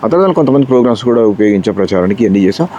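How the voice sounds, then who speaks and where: Fast-talking storyteller man. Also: fairly low pitch, dull audio, a little hiss or hum. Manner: animated storyteller who often acts out quotes. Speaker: mimicry artist and ventriloquist guest. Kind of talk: casual storytelling interview.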